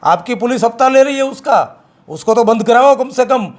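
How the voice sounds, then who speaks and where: A man speaking as an activist in an interview, forceful and repeating his points with emphasis. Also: extremely high pitch, normal speed. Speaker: campaign activist. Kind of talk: interview, political criticism.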